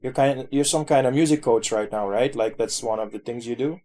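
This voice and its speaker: A man's voice: medium pitch, a little fast, mellow. Rambling man hosting a video call. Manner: rambling, self-interrupting questions. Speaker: video chat host. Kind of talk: casual chat.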